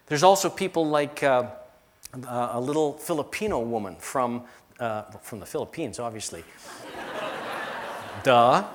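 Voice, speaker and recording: Storytelling pastor preaching a sermon. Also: male voice, medium pitch, measured pace, long pauses. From United States. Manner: storytelling with emphatic repetition.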